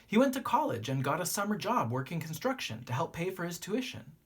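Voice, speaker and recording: A teacher with a slightly husky, medium-pitched voice reads a children's picture book aloud. The read-aloud is lively and expressive, with drawn-out emphasis on words.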